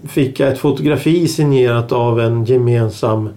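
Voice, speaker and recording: A man's voice: mid-range voice, mellow. A man co-hosting a casual podcast, swearing freely and teasing his co-hosts. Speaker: podcast co-host. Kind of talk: casual chat.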